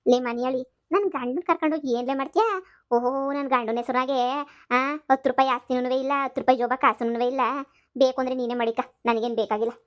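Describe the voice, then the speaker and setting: A sharp-tongued, bitter village wife scolds and scoffs in a cartoon comedy, as a woman voices her. The voice sits high and the talk comes quick. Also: steady tone, natural voice. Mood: dismissive. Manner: scornful, scolding and dismissive.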